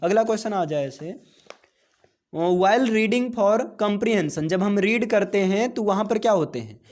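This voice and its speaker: A man's voice: high-pitched, lively intonation, darkish tone. A man teaching an English grammar lesson. He explains step by step, mixing English terms into his talk, asking questions and answering them himself. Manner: mixes English terms into Hindi, reads English lines out slowly. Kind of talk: classroom-style grammar lesson.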